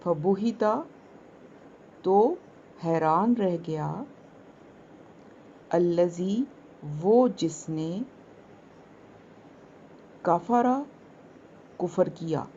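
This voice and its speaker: Female teacher, low and mellow, very slow word-by-word lesson, muffled recording. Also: expressive, a little hiss or hum. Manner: slow, repeats each word and its meaning. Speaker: Quran teacher.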